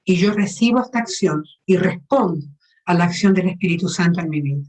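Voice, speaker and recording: A woman's voice: lowish voice, lively intonation, fairly quick, a little mellow, low-quality recording. A woman preaching a teaching sermon at a women's meeting, asking her listeners questions and explaining Greek words.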